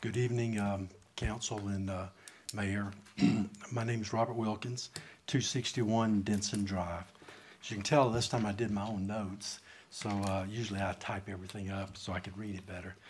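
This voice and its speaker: A man making a public comment, speaking slowly and haltingly. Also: lowish voice, flat delivery, a little hiss or hum. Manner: slow, halting speech. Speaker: citizen speaking at public forum. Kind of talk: public comment from handwritten notes. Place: council meeting room.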